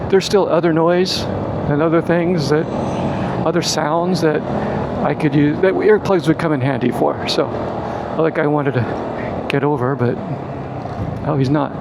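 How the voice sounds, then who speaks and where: A man's voice: fairly high pitch, a little slow, gravelly. A man chatting casually and thinking aloud as he rides a scooter outdoors, with wind and road noise on the mic. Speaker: motorcycle vlogger riding a scooter. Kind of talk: casual vlog chat while riding. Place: outdoors on a moving scooter, in traffic. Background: wind, engine and traffic noise.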